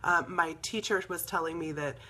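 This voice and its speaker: Bright, husky-voiced woman telling a spiritual story. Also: on the low side, normal speed. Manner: earnest, rambling, with soft laughs and fillers. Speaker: spiritual healing teacher. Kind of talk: personal storytelling in a spiritual talk.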